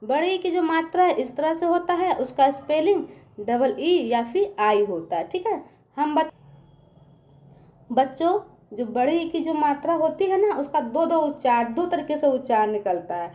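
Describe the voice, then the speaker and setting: A woman's voice: high voice, expressive, normal speed, warm tone. A woman teaching young children in a patient online lesson, asking them questions and repeating herself often.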